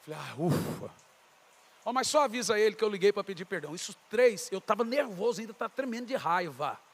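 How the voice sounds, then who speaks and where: Brazilian male pastor, high bright voice, storytelling sermon with acted dialogue and shouted peaks. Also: expressive, fast talker. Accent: Brazilian Portuguese. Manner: storytelling, voicing God and others in dialogue, rising to shouts.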